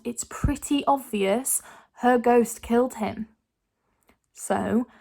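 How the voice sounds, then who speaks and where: A woman playing a wry, defiant young woman obsessed with ghost stories in a theatrical dramatic monologue, emphatic and full of lingering pauses. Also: fairly high pitch, vocal fry, darkish tone. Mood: gleeful, morbid.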